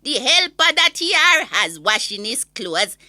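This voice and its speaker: An elderly Jamaican granny, acted by a woman, rants in a high, piercingly bright voice, very close and dry. She is opinionated and exasperated, spinning gossipy complaints as a comic audio-story monologue with a strong Jamaican accent. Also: very animated, measured pace, no room sound, exaggerated voice. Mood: exasperated, mocking.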